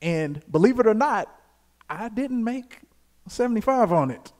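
A young man, preaching a sermon as pastor, moving from calm scripture reading to loud, emphatic exhortation. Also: sits high, unhurried.

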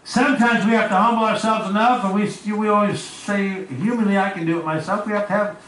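A man's voice: sits high, steady tone, brisk, a bit bright, a little hiss or hum. A man preaching a sermon as pastor, telling homespun stories and calling out to members of the congregation by name. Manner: folksy storytelling, talks to congregation members by name. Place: church sanctuary. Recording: echoey room, voice from far off.

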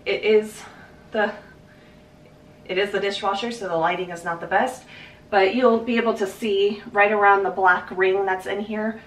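Picked up by a camera mic several feet off, this cleaning vlogger in her thirties talks casually as she works through her home kitchen, full of fillers and false starts. She speaks at a normal speed in a medium, steady, slightly bright voice, with the off-mic room sound of the kitchen around her.

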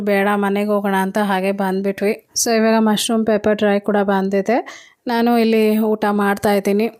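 A woman narrating her own vlog in a relaxed, chatty way, mixing in English words. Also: mid-range voice. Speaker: vlogger.

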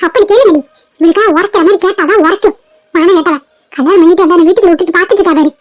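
A woman's voice: very high-pitched, very fast, no echo, soft background music. A woman voicing a quarrelsome, scheming old grandmother in a cartoon family drama, scolding and taunting.

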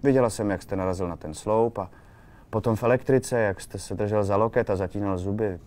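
Man reading as a young woman, shy, earnest, softened raised voice, storybook reading. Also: on the low side, natural voice. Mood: hesitant.

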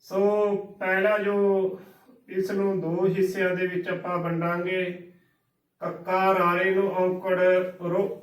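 Slow, echoey man teaching. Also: sits high, level tone, far from the mic. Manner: spells words letter by letter, repeats correct and wrong forms. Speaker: Gurbani pronunciation teacher. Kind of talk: slow spelling-out pronunciation lesson.

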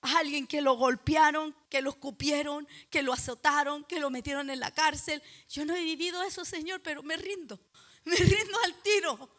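A Chilean woman preaching a sermon at a church service. She is dramatic, questions the congregation directly, and builds to loud, emphatic exhortation. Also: high voice, fairly even intonation, normal speed.

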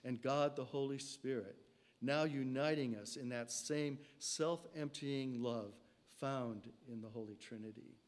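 Older man preaching slowly from a lectern. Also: mid-range voice. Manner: slow measured delivery, phrases falling off at line ends. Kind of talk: sermon. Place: church sanctuary. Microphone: stand mic at a lectern.

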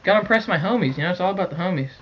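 High-voiced man prank calling over the phone. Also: lively intonation, a little hiss or hum. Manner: talking over the phone, halting and repetitive. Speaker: prank caller. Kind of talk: casual chat on a phone call. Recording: dull lo-fi phone call recording.

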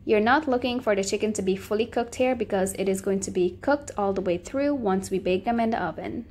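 A woman's voice: medium pitch, a little fast, darkish tone, slight background noise. A woman hosting a cooking channel, giving friendly step-by-step recipe instructions in a voice-over.

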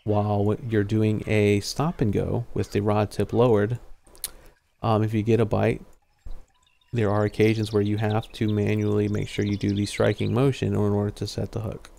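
A man's voice: on the low side, completely flat delivery, normal speed, vocal fry, dark tone. A young man casually explaining a fishing game as he plays it on a live stream. He talks into a headset mic and drifts into fillers and trailing thoughts. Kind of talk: casual live gameplay commentary.

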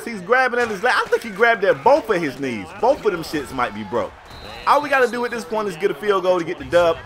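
An American man's voice sits high as he calls a sports video game in casual slang. His commentary plays out like animated storytelling.

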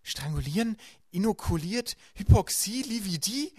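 Man doing an anxious teenage girl, pitched high. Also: very fast, no echo. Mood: confused.

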